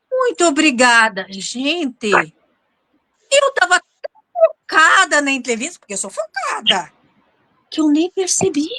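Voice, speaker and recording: A woman hosting a show, telling a story to her audience in a dramatic, animated way and often turning to speak to them directly. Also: high voice, dry recording. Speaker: show host and interviewer.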